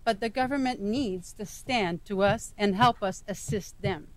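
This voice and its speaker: A woman's voice: mid-range voice, a little slow, no echo. A woman with a Quebec French accent delivering an earnest, emphatic prepared speech as a veteran's wife and advocate.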